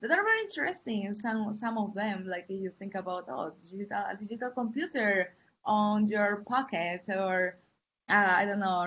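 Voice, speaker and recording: A woman from Peru, a university lecturer, giving an online class in a friendly, unhurried way with fillers and pauses. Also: medium pitch, fairly bright tone, breathy edge. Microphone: computer mic on a video call. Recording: muffled lo-fi call audio.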